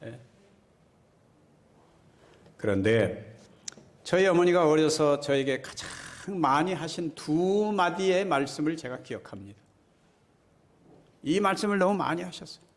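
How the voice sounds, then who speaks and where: Folksy Korean pastor. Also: male voice, fairly high pitch, lively intonation, unhurried, long pauses. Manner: folksy, keeps asking the congregation "right?". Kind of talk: sermon.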